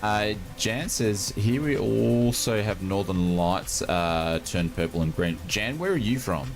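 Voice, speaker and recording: A man with a broad Australian accent hosts a casual livestream in a fairly low voice that swings widely in pitch. He chats informally and matily with viewers, with music playing behind him. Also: expressive, unhurried. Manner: informal, chatty, matey, exclaiming. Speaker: live streamer, host.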